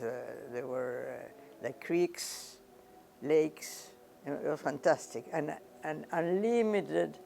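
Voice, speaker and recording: Her voice sits low, creaky and a little mellow, as this older painter from Argentina reflects in an interview. She takes her time, frequently hunting for the right word and repeating phrases, and there is a little hiss or hum on the recording.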